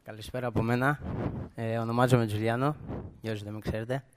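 A man's voice: medium pitch, steady tone. Young man giving testimony in reverberant hall. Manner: earnest, retells conversations step by step. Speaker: church member giving testimony. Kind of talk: personal testimony.

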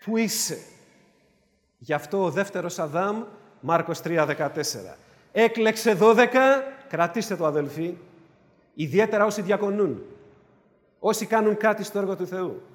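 A man preaching a sermon, emphatic and repeating key phrases for weight. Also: sits high. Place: church. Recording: long church reverb.

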